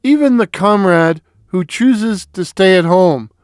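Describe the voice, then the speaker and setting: Man, unhurried mock-solemn satirical reader, fairly high smooth voice, dry close sound. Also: expressive, no echo. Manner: slow, deliberate, mock-solemn delivery. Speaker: commentator reading an open letter. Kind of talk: scripted satirical commentary.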